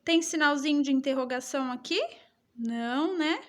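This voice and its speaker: A woman teacher with a Brazilian Portuguese accent, reading a schoolbook lesson aloud to children with slow, exaggerated intonation. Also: high-pitched.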